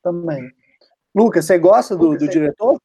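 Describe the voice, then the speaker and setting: A Brazilian man with a slightly high voice hosts a live roundtable. He moves things along briskly and calls on each guest. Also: expressive, warm tone, breathy edge. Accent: Brazilian Portuguese. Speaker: host.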